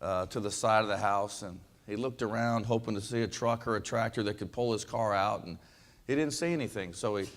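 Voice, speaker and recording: A man's voice: on the low side, a little fast. A man from western Kansas, a basketball coach, giving a folksy storytelling speech with lots of fillers and repeated words. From western Kansas, USA.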